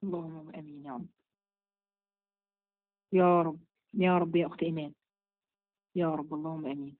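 Answering viewers' questions in a live session, an Egyptian-accented religious teacher blesses each person by name in a firm, motherly way. Her deep voice is animated and fairly quick, carries vocal fry, and sounds narrow like a phone.

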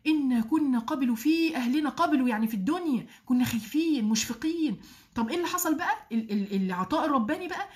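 A woman with an Egyptian Arabic accent giving a religious lesson to women, slowly chanting verses and then explaining them quickly. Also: high voice. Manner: drawn-out chanted Quran recitation between quick lively explaining. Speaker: religious teacher.

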